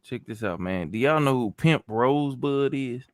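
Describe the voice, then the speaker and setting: A man's voice: medium pitch, expressive, normal speed. A man hosting a stream, chatting casually in a laid-back, slangy way. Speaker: stream host. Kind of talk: casual chat.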